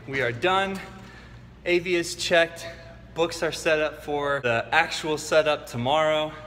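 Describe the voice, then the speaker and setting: Holding the camera at arm's length, a young adult vlogger chats playfully and cheerfully while traveling through airports, on a plane, in a car and in a hotel room. He has a fairly high pitch and a sharp tone, speaks unhurriedly, and a little hiss or hum runs under the audio.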